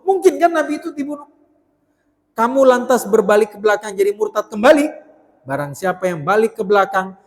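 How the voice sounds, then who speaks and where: High-voiced preacher in a reverberant hall. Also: male voice. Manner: lively, conversational, addresses listeners directly with jokes. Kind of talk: Islamic lecture to a congregation.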